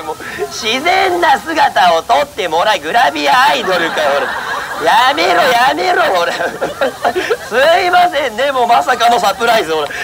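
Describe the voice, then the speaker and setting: A man's voice: high-pitched, vocal fry. A man performing a street monkey show, jokingly scolding and coaxing his monkey while politely talking to the audience. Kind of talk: live street show banter with a crowd. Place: outdoor autumn festival. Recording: noisy outdoor festival ambience.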